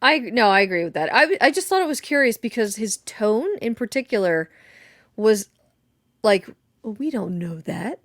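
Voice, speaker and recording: A woman's voice: fairly high pitch, lively intonation, moderate pace, fairly bright tone, dry recording, clean studio sound. Woman podcast host musing thoughtfully. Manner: thoughtful, laughs easily, swears casually. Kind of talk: casual chat analyzing a video game. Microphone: desk mic.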